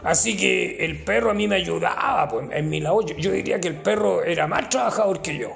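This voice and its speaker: An actor gives a full character voice, high-pitched, fairly quick, gravelly and a bit bright, as a rascally old Chilean working man who used to be a gravedigger. Tipsy from drinking and speaking with a Chilean accent, he makes folksy, slangy boasts in a comic character interview.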